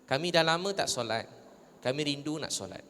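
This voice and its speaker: A man's voice: fairly high pitch, expressive, a little fast, pushed and bright, in a large hall, a little hiss or hum. A man preaching to a live audience, telling stories and putting questions to his listeners. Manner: storytelling, addressing listeners directly with questions. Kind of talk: religious talk to a live audience.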